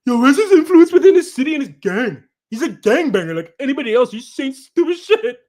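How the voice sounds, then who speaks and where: A man putting on a mocking voice of a dim young male chat viewer, high and drawn out. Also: big pitch swings, brisk, a little mellow.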